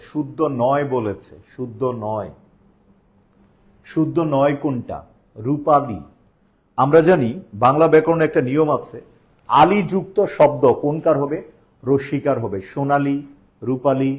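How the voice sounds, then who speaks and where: A young man with a Bangladeshi Bengali accent teaches an admission-exam grammar class online. He keeps asking the viewers questions and then answers them himself, repeating key words. His voice sits at an ordinary middle pitch for a man. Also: a little mellow.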